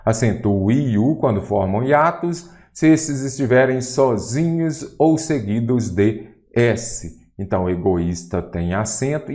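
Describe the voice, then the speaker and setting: Male teacher, low and very animated, exam-prep lesson style. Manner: lively, quizzes the viewer with rhetorical questions. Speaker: Portuguese grammar teacher.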